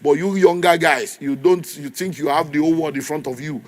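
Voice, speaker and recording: A Nigerian-accented man in his fifties preaches a sermon in church, his voice on the high side, a little fast, with fairly even intonation. He stresses and repeats key phrases and leads the congregation in call and response.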